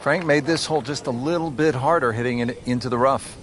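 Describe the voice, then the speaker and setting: A man's voice: medium pitch, fairly quick, background noise, lightly acted. A man playing a composed, admiring television golf commentator calling a scripted sports broadcast. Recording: crowd and music behind broadcast voice. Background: crowd ambience and music.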